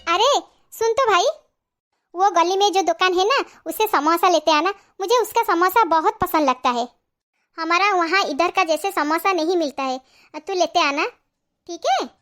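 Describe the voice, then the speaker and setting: A woman's voice: very high-pitched, moderate pace, a bit bright. A woman playing a chatty married daughter who is visiting her family home, in a comedy skit. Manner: chatty, coaxing.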